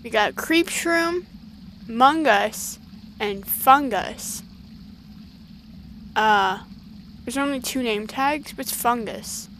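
A woman narrating her gameplay in a casual, chatty way and chatting away to the creatures on screen. Her voice sits fairly high and she takes her time between phrases. A faint hum of noise sits under the recording. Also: drawn-out words, pauses often, low-quality recording. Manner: chatty, excitable, talks to the game creatures. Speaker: gaming channel host.

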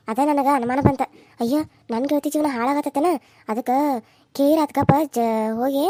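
A woman's voice: high-pitched, dark tone, no echo, studio quality, lightly acted. A woman voicing a worried village woman friend in a cartoon serial, with a North Karnataka Kannada accent, confiding and urgent.

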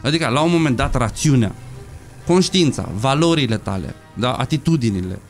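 A man speaking as a sociologist guest in a casual radio chat, telling stories with lively acted-out quotes. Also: medium pitch, faint music behind. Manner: animated storytelling, acts out quotes in raised voices.

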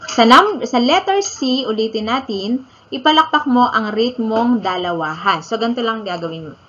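A woman's voice: a little high, expressive, moderate pace, background noise. A woman from the Philippines teaching an online music lesson, counting beats aloud and singing short lines of a song. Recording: slightly dull audio with faint ambience.

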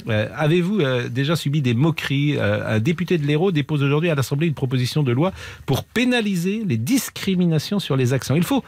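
A man's voice: a little high, animated, brisk, darkish tone, dry recording. An older man hosting a radio phone-in, talking conversationally and putting questions to listeners and colleagues from a studio microphone. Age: 50s or older. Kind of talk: unscripted studio chat and topic teasing. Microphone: close studio microphone.

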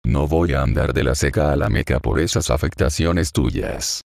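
A man's voice: extremely low pitch, normal speed, creaky, darkish tone, no echo, studio quality, full character voice. A man voicing a proud, impatient teenage girl who scolds sharply, in a storybook reading. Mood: impatient, scornful.

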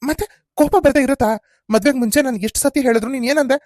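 A woman voicing a quick-tempered young husband in a cartoon serial, arguing defensively with his wife. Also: high voice, darkish tone, dry recording, clean studio sound, lightly acted.

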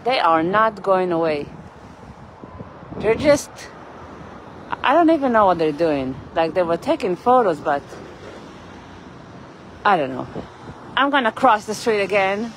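This vlogger has a mid-range voice and sounds very animated, keeping a measured pace with frequent pauses. She chats loosely on a walking live stream outdoors in the city, calling out to viewers by name, filmed on a handheld phone. The recording is rough, with traffic and street ambience around her.

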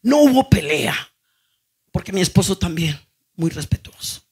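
A middle-aged woman preacher delivering an impassioned sermon, moving from hushed, slow phrases to fervent shouts. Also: lowish voice, big pitch swings, breathy edge.

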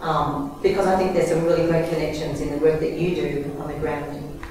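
A middle-aged woman with an Australian accent and a low, fairly flat voice talks a little fast as she introduces a university guest speaker in a loose, chatty style with frequent fillers and self-corrections. The lectern mic is recorded from the back of a large lecture hall, echoey and noisy.

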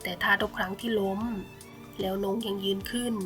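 A woman voicing a gentle, tired poor father in a bedtime storybook, who speaks softly and warmly to his daughter. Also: mid-range voice, flat delivery, fairly quick, faint music behind, natural voice. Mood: tender.

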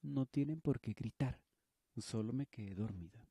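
A man's voice: medium pitch, normal speed, mellow, slightly rough, no room sound. A man reading the lines of a polite, stubborn runaway teenage girl in a storybook reading. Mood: pleading.

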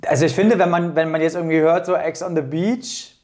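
A man's voice: on the high side, darkish tone. A man in his thirties hosting a casual interview, asking long, probing questions with a lapel mic in an indoor studio. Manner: quick, probing questions with many fillers. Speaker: interview host.

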